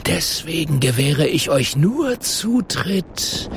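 A man voicing an ancient, menacing female snake goddess who speaks slowly in a low, hissing whisper. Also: big pitch swings, exaggerated voice.

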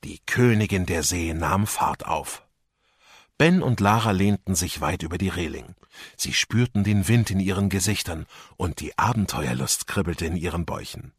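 A man's voice: sits low, normal speed, breathy edge, no room sound, clean studio sound. A man reading a children's story aloud as narrator, giving each character a voice. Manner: lively voicing of characters. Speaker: audiobook narrator.

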